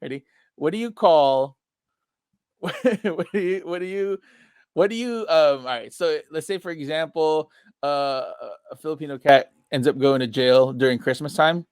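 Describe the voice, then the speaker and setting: A high-voiced man hosts a laid-back podcast, joking around and laughing easily. His voice sits close and dry on the mic, with no room sound behind it. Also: darkish tone, clear, resonant tone, dry recording. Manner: laughs a lot, quick joking delivery. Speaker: podcast host. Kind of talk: casual banter on a trading show.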